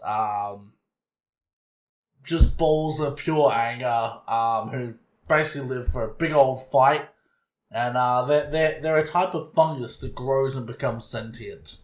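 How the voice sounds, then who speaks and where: A man's voice: mid-range voice, reverberant. A man co-hosting a podcast in a joking, laid-back casual chat. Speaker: podcast co-host.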